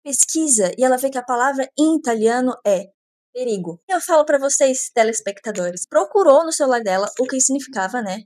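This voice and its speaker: A woman's voice: high voice, animated, a little fast, darkish tone, no room sound. A woman, recapping a novel in a chatty way with sarcastic asides. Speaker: book reviewer. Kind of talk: casual book recap.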